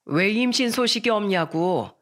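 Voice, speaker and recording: A storyteller voicing an angry middle-aged mother-in-law who scolds her daughter-in-law in a raised, shrill voice. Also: animated, unhurried. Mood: lecturing. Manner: shrill and scolding, rising louder.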